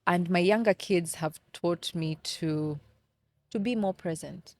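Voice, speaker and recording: Speaking slowly in a fairly low voice on a dry recording, a Kenyan woman in her thirties tells personal stories as a podcast guest. Her candid, conversational delivery is earnest and reflective, with frequent repeated words while she gathers her thoughts.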